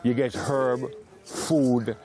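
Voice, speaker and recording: A Jamaican man telling his story in an interview, in measured Rasta speech. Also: medium pitch, fairly even intonation, over music.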